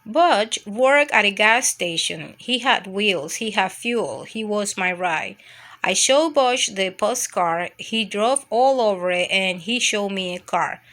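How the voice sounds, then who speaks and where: A woman gives voice to a mischievous, adventure-hungry dog recounting its own storybook escapade in first person, sounding cheeky and excited. Her medium-pitched voice has lively intonation and a fairly bright tone, and she takes it slowly.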